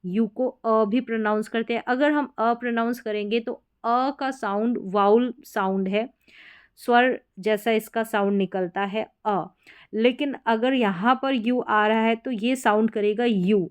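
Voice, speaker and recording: Slow, patient woman teaching spelling. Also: a little high, clear, resonant tone. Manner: slow, patient, repeats each word several times. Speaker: English teacher. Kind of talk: spoken Hindi lesson on English spelling.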